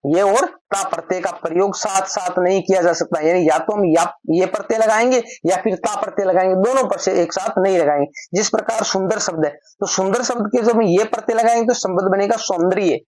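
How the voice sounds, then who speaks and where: A man's voice: high voice, a little fast, few pauses, darkish tone, low-quality recording. A man teaching a recorded grammar lesson, explaining rules step by step and often repeating cues to move on.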